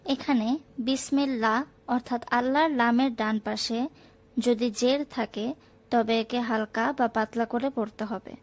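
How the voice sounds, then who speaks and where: A woman whose first language is Bengali, teaching Quran recitation. She chants verses slowly and carefully, drawing out each sound, then explains the pronunciation rules in plain speech. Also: on the high side, fairly even intonation.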